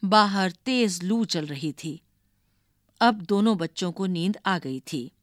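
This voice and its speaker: Brief: woman narrator for a storybook read-aloud, measured and unhurried, higher voice, dry close mic. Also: expressive, no echo. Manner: measured, reads page numbers aloud.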